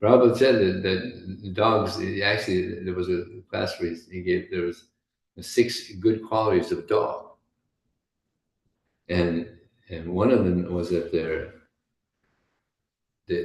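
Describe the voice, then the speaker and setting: A deep-voiced man with a gravelly edge gives a relaxed scripture class, telling stories and laughing softly as he goes. His talk echoes through a roomy space. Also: measured pace, long pauses. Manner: chatty storytelling with frequent soft laughs. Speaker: devotional class speaker.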